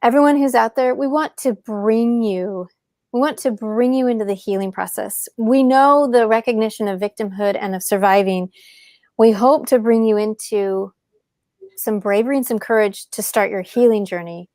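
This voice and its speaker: A woman's voice: on the high side, normal speed, darkish tone, no room sound. A woman hosting a live-streamed podcast conference, welcoming viewers with enthusiasm and greeting them by name. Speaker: podcast host.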